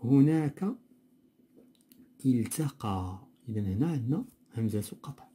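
A man with a Moroccan accent teaching a grammar lesson from a textbook, explaining slowly and repeating words. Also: medium pitch, lively intonation, mellow, slightly rough. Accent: Moroccan Arabic. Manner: explanatory, repeats words slowly, mixes dialect with standard Arabic.

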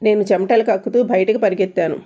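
A woman narrating a scripted ghost story in steady, suspenseful storytelling. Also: medium pitch, fast.

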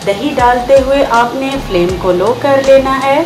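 In a voice-over backed by faint music, a woman with a Pakistani Urdu accent presents a cooking show. She speaks in a high pitch at a measured pace, patiently going step by step through the recipe and sounding eager about the dish.

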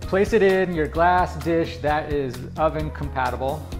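A man's voice: fairly high pitch, unhurried, soft background music. A man in his thirties hosting a home cooking demonstration, explaining each step to the camera in an upbeat way, recorded in a kitchen. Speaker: cooking video host.

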